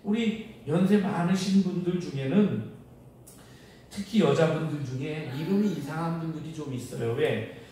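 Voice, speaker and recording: A male pastor preaching a sermon, acting out quoted inner voices with rising pitch. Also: warm tone, a little hiss or hum. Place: church sanctuary. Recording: echoey church hall, voice from far off, faint ambience.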